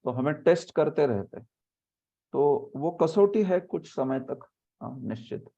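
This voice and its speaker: A man leading a scripture class who explains by example and sounds out words slowly. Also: on the high side, animated, creaky, dark tone. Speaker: spiritual teacher. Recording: muffled lo-fi audio.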